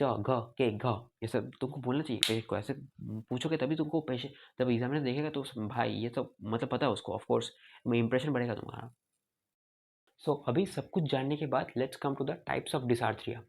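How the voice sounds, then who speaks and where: A young man gives an informal medicine lesson at a medium pitch. He slips between Hindi and English mid-sentence. He often acts out the speech sounds he is describing. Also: darkish tone. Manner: informal, mixes Hindi and English, demonstrates speech patterns aloud; frequent throat clearing. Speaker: medical tutor. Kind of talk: casual Hinglish lecture.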